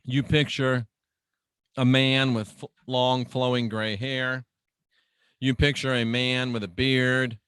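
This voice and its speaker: In a dramatic, sermon-like radio monologue, a male host speaks emphatically and deliberately, repeating phrases and throwing showman-style rhetorical questions at listeners. His voice is medium-pitched, level, fairly bright and smooth, with no room sound.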